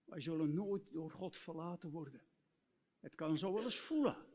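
A male preacher giving an earnest sermon, reciting hymn lyrics and dropping to soft, tender tones. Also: a little high, moderate pace, slightly rough.

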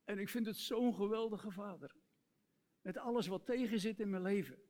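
A male preacher giving an earnest sermon, reciting hymn lyrics and dropping to soft, tender tones. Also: high-pitched, moderate pace.

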